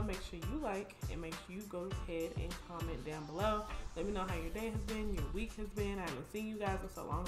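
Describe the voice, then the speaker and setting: Woman, American accent, echoey room, music behind, chatty vlog host, slangy, mid-range voice. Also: mid-range voice. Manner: informal, slangy, chatty direct address. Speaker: host of a video channel. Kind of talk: casual challenge vlog addressed to viewers.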